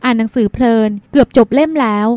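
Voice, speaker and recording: A woman reading the part of a calm, gentle young man speaking softly to his girlfriend in an audiobook. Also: very high-pitched, quick pace, no room sound.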